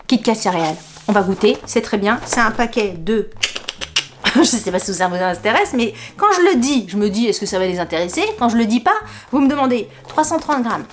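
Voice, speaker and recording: A woman vlogger chatting casually to her viewers as she unpacks a food box, rambling, laughing often, and jumping up in pitch when surprised. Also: slight background noise. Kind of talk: casual unboxing chat to camera.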